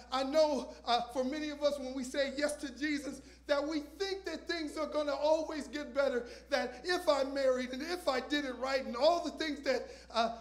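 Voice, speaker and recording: A man preaching a sermon on a church stage into a handheld microphone, moving between loud shouted lines and quiet asides. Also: very high voice. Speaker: visiting pastor. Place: church stage with purple lights.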